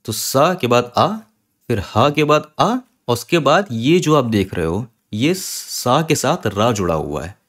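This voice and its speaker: A man teaching an online Sanskrit lesson, patiently spelling words out slowly, sound by sound. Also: medium pitch, big pitch swings, a bit bright.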